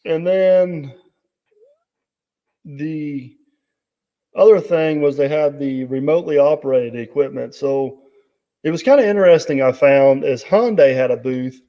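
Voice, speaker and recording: A man hosts a casual live-stream chat and rambles from one topic to the next with plenty of fillers. His voice sits on the higher side, and the sound is dull, with a long hall-like reverb. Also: a little slow, long pauses. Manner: rambling, reads out viewer comments with many fillers. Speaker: host.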